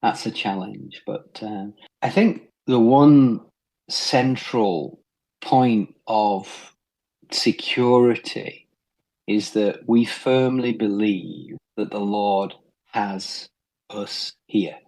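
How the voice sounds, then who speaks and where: A middle-aged man from England with a British accent talks as a guest in a podcast interview. His voice sits on the lower side, and he speaks in a measured, reflective way with a light touch of humor. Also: gravelly, a little mellow, rough recording. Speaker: missionary pastor guest.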